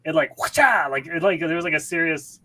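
Bright, forceful male podcast host. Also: on the high side, fairly even intonation, quick pace, a little hiss or hum, rough recording. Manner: chatty, many fillers and restarts. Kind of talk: casual chat about a TV series.

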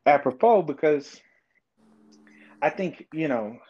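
On slightly dull lo-fi audio, a podcast guest in his twenties chats in a casual interview, thoughtful and halting with many fillers. His voice sits on the high side, animated yet slow, with a breathy edge.

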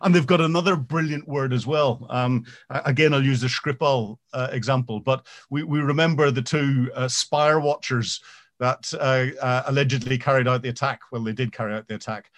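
Answering an interviewer's questions, a man who served in the military stumbles through his replies with frequent ums and restarts. His voice is medium-pitched, and he warms up and becomes more animated over time.

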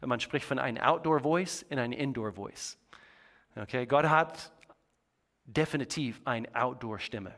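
A male pastor delivering a sermon in a dramatic, expressive way, with strong swings in volume. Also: a little slow. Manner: dramatic, swings between booming and hushed.

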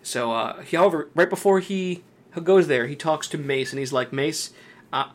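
A man's voice: on the high side, lively intonation, normal speed. A man co-hosting a podcast, casually recapping a film's plot with plenty of fillers. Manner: recaps the plot, with lots of fillers and frequent laughs. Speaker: podcast co-host. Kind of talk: casual film discussion.

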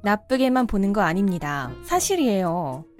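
A woman's voice: medium pitch, big pitch swings, moderate pace, natural voice. A woman voicing a respectful yet insistent daughter-in-law and mother, in a cartoon drama. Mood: firm. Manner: polite, respectful, growing insistent. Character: daughter-in-law, polite but firm mother. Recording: faint background music.

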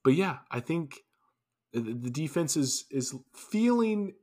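A man's voice: mid-range voice, a little slow, slightly rough. Male podcast co-host, mid-range voice, easygoing sports banter with dry asides. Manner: loose, restarting, wry asides. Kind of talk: casual sports chat.

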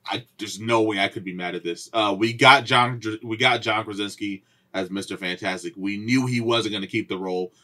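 A man co-hosting a casual podcast, teasing his partner and laughing often, sometimes dropping to a low mutter. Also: steady tone, moderate pace, few pauses. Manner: teasing, laughs a lot, drops low and quiet. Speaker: podcast co-host. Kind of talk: casual chat.

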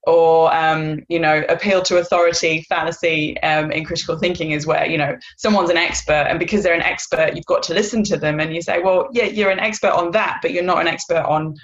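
A woman in her thirties talks through her answers in a loose, chatty way, with plenty of fillers along the way. Her voice sits a little low. The sound is muffled and lo-fi, like a video call. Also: fairly even intonation, brisk, hardly any pauses. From North Wales. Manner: chatty, many fillers, laughs easily. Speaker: guest. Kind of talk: casual interview answers.

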